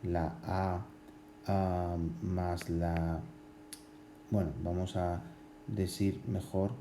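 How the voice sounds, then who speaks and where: A man teaching grammar at a board, explaining slowly with many pauses, fillers and restarts. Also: deep voice, flat delivery, mellow, echoey room, a little hiss or hum. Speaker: Spanish language teacher.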